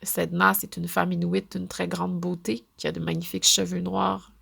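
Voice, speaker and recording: A woman with a Québécois French accent hosting a podcast, talking in a chatty, expressive way with many fillers and restarts. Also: on the low side, moderate pace, gravelly, husky. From Quebec. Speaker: podcast host. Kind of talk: casual spoken monologue.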